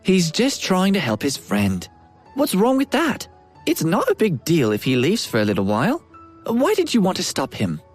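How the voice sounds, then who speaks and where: A man's voice: sits high, wildly swooping pitch, normal speed, husky, soft background music, voice pushed up, full character voice. A man voicing an anxious young woman who asks questions earnestly.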